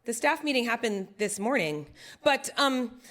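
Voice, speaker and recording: A woman playing a friendly female receptionist who hesitates with filler pauses. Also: fairly high pitch, expressive, fairly bright tone. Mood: perplexed.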